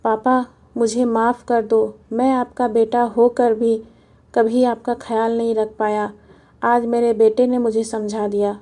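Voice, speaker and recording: A mild-mannered grown son speaks calmly and soothingly, as a woman reading a storybook voices him. The tone is warm and mellow, pitched a little high. Nothing in it is harsh. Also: a little slow, lightly acted. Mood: remorseful. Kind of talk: storybook narration.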